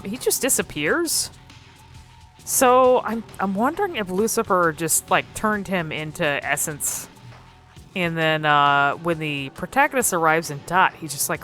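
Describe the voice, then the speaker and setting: A woman with a low-pitched, slightly bright voice gives casual, unscripted commentary on game cutscenes while music plays. She muses hesitantly and often trails off mid-thought.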